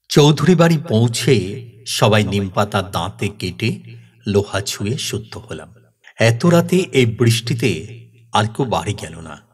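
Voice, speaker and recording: A man narrating a horror story in a slow, measured, low-key way.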